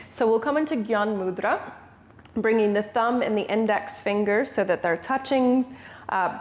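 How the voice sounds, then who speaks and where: A woman with a mid-range voice teaches a yoga breathing exercise. She speaks as an instructor, laying out each step in short, simple cues for the listener to follow. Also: mid-range voice. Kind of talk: guided breathing tutorial.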